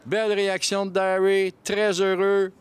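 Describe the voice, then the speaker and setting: A man's voice: high voice, completely flat delivery, a little slow, clear, resonant tone. A man with a Quebec French accent giving analytical live colour commentary on mini-putt, explaining shots and scores.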